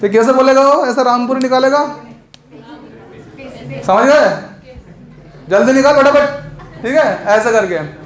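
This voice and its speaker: A man's voice: very high voice, unhurried, pauses often. A man teaching an exam coaching lesson, explaining memory tricks and asking the class questions that he answers himself. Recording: echoey room.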